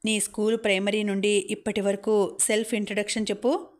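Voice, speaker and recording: Bossy college seniors mocking a newcomer in a storybook reading, as a woman narrator voices them. She stays in her own middle-pitched voice for them. Her delivery is level and flat. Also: fairly quick, lightly acted. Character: teasing male college seniors, mocking bullies.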